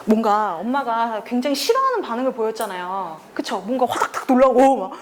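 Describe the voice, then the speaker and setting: A woman's voice: fairly high pitch, big pitch swings, fairly quick, a little hiss or hum. A woman teaching a youth reading club, explaining a story scene by scene, acting out the characters' lines and asking the students questions. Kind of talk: lecture with acted quotes.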